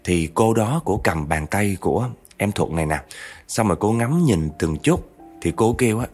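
A man's voice: lowish voice, animated, normal speed, a little mellow, soft background music. A man telling a family story in a chatty way, often speaking straight to the listeners. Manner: chatty, addresses listeners directly. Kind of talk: narrating a true spooky family story.

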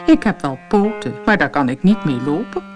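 A woman's voice: low-pitched, big pitch swings, moderate pace. A woman voicing a sad old male piano in a storybook, speaking in a plaintive, sobbing way.

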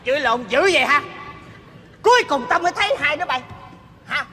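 A man's voice: very high-pitched, expressive, brisk, bright, forceful tone, heavily acted. A stern, scolding father on a reverberant stage. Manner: scolding, bossy. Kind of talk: stage comedy sketch.

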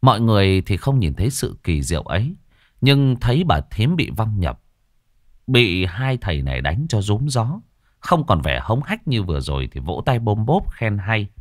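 A man telling a ghost story with dramatic, vivid narration. His voice is low but swings widely in pitch. The recording is dry and close. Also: very animated, normal speed, no room sound.

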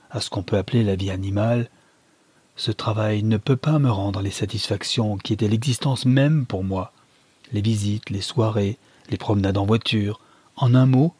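A man's voice: on the low side, darkish tone, husky, no room sound. A man voicing a self-pitying aging mother who reproaches her daughter in a plaintive, pleading way, in a novel read aloud.

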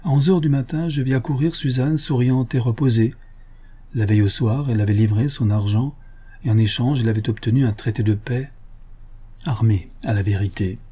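A man narrating a novel in the first person in a measured, even reading. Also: mid-range voice, husky. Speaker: audiobook narrator.

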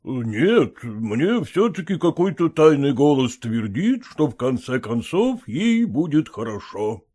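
A man's voice: mid-range voice, big pitch swings, takes it slowly, darkish tone, husky, full character voice. An actor playing a sentimental, aging nobleman who speaks in a pleading, tearful, emotional way. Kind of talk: audiobook character reading.

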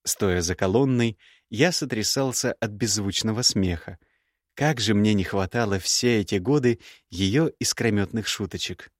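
Rich: A man reads a first-person story aloud, measured and expressive. The recording is dry and close, with no room echo. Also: on the low side. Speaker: audiobook narrator. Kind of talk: first-person audiobook narration.

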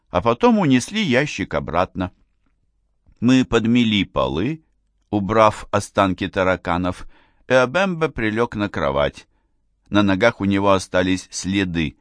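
A man reading a novel aloud in measured, even audiobook narration. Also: fairly low pitch, no echo, studio quality.

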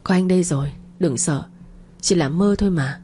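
A woman's voice: fairly low pitch, moderate pace, warm tone, slight background noise, close to an everyday voice. A woman voicing a caring husband comforting his wife after a nightmare. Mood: soothing. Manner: soothing.

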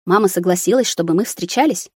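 A woman reading the lines of a shy young female student, hesitant and soft-spoken. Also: lowish voice, quick pace, husky, no echo, studio quality. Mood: anxious.

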